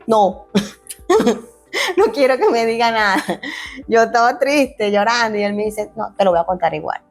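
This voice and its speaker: Here the voice is lowish, gravelly and a bit dark. It belongs to a young woman, a former athlete turned fitness coach, telling her life story earnestly in an interview; the storytelling is emotional and personal, full of restarted phrases and acted-out quotes.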